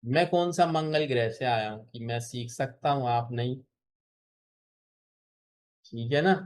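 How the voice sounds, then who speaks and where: Slow, patient man teaching English. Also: medium pitch, clean tone. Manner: patient, encouraging, repeats phrases slowly. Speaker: English tutor. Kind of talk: online spoken English lesson. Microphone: video call.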